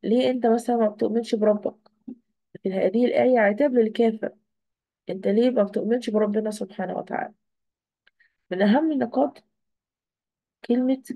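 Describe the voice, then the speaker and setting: Fast-talking Egyptian woman teacher. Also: mid-range voice, no echo, dull audio. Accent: Egyptian Arabic. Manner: asks and answers her own questions. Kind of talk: online exam review lesson.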